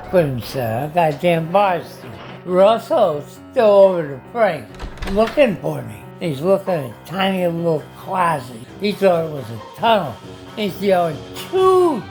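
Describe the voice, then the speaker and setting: A man telling a rambling, profane anecdote in a casual spoken style. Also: fairly high pitch. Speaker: storyteller.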